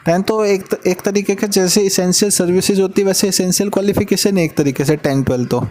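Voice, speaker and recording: Male maths tutor, high-pitched, talks like a big brother, repeats himself for emphasis. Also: fast, a little mellow. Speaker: maths teacher. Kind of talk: casual classroom lesson and advice to students.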